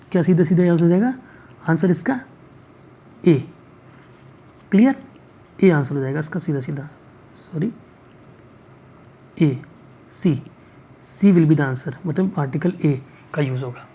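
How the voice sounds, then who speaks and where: A male teacher going through exam questions, reading the English sentences out slowly and checking in often to ask whether it is clear. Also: a little high, dark tone. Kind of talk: exam-prep lesson.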